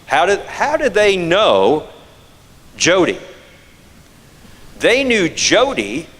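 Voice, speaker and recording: In a large hall, a man with a mid-range, fairly bright voice presents on scam prevention to an audience as a fraud prevention speaker. He leans on rapid rhetorical questions and repeats key phrases to stress them.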